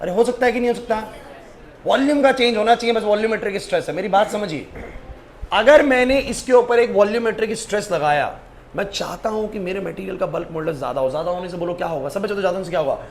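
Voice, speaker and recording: Young male physics teacher in a classroom, high voice; scolds, coaxes, quizzes pupils by name. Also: fast.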